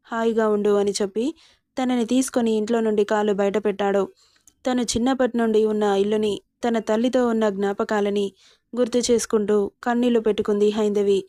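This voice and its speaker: A woman storyteller narrating in a steady, even manner. Her voice is mellow and slightly high, and the recording is dry and close. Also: no room sound.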